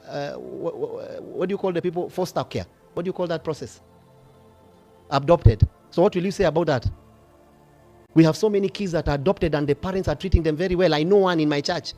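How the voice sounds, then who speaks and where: Man, Kenyan accent, bishop preaching a fiery sermon, high voice, faint music underneath. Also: brisk. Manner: passionate, switching between whispers and shouting.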